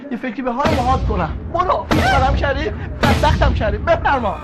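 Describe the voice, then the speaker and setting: A man's voice: extremely high pitch, lively intonation, over loud music, low-quality recording. A man voicing a fussy, harried male film crew assistant in a cartoon, complaining and fussing as he works.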